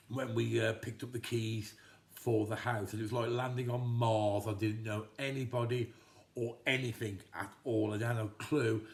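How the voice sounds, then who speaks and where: A chatty man in his fifties from Telford, England, answers viewer questions in a casual chat to camera from his echoey home kitchen. His mid-range voice rambles along with frequent restarts.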